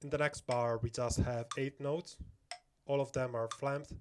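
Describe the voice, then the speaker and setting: A man's voice: mid-range voice, fairly even intonation, normal speed, a little hiss or hum. A man giving a step-by-step drum lesson, counting beats aloud and often checking in with "okay?". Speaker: drum teacher. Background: metronome clicks.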